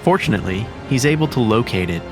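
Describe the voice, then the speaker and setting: A man's voice: medium pitch, animated, fast, music in the background. A man reading scripted documentary narration.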